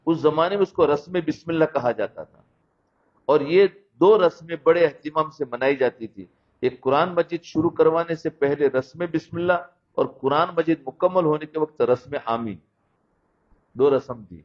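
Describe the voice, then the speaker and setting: Male preacher, sermon storytelling, slightly high voice, muffled lo-fi recording. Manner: storytelling, asks listeners "understood?". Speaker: Islamic preacher. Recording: dull lo-fi recording.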